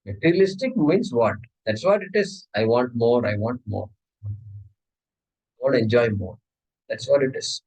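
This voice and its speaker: A man's voice: medium pitch, lively intonation, normal speed, pauses often, darkish tone, breathy edge, low-quality recording. A man with an Indian accent gives an explanatory scripture lecture as a teacher, repeating key words and checking in with his listeners. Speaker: teacher of a Sanskrit scripture class.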